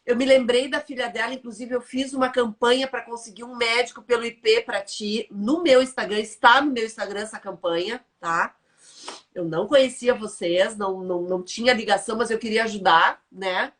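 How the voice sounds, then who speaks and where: Chatty woman host, fairly high voice. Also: fairly even intonation, fairly bright tone. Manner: chatty, quick asides to the audience. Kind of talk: casual chat.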